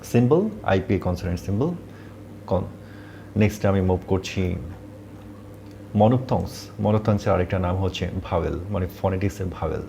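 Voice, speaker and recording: A man's voice: deep voice, creaky, mellow, slight background noise. A man teaching English pronunciation, patiently repeating points and saying example words aloud. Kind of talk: explanatory lesson.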